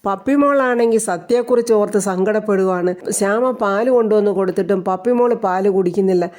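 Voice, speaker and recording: A woman's voice: medium pitch, brisk, darkish tone. A woman retelling the latest episode of a TV serial in a chatty storytelling way, acting out the characters' lines as she goes.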